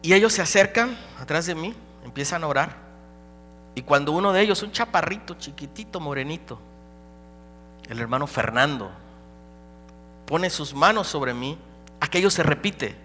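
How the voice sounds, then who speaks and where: A man preaching a dramatic personal testimony as a pastor, swinging between loud and hushed. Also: a little high, animated, normal speed, pauses often, faint music behind. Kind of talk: sermon testimony. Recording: live hall recording with reverb and hum.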